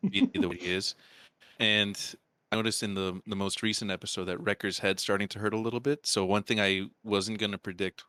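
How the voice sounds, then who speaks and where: Podcast co-host, man, very deep voice with a forceful edge, dry close sound. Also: flat delivery, brisk, smooth, no room sound. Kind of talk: casual chat.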